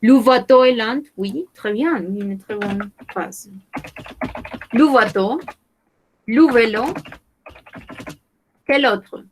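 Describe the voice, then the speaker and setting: Slow, careful female French teacher. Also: a little high, slight background noise, rough recording. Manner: slow, careful, repeats words for learners. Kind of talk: online language lesson.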